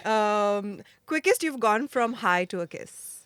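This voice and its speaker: A woman co-hosting a podcast, chatting casually in an animated, giggly and exclamatory way. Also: mid-range voice, slow, smooth, no room sound. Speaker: podcast co-host. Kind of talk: casual chat.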